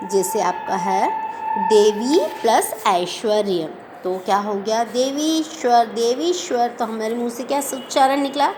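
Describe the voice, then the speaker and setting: A woman teaching a grammar lesson, sounding out example words slowly and asking questions she then answers herself. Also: a little high, background noise. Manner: slow, drawn-out pronunciation of example words; asks the listener questions and answers them.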